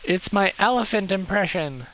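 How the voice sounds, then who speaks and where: A man's voice: high voice, animated, normal speed, a bit bright, slight background noise, rough recording. A young man giving casual, rambling commentary while he plays a game live, joking at his own expense as he goes. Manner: playful, rambling, self-mocking jokes. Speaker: streamer.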